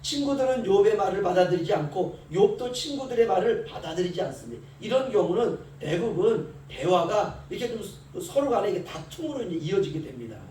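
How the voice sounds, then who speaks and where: A man's voice: high voice, very animated, a little fast, few pauses, mellow. A male pastor giving an early-morning sermon, telling stories and acting out the voices of the people in them. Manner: storytelling, acts out quoted voices of servant and master. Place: church sanctuary. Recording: echoey church hall from far off, faint hiss.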